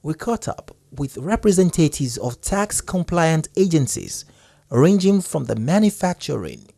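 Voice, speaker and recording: Nigerian male TV reporter, measured voice-over read, warm tone, dry studio sound. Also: fairly high pitch, big pitch swings, gravelly, no room sound. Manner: measured newsreader delivery. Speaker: news reporter.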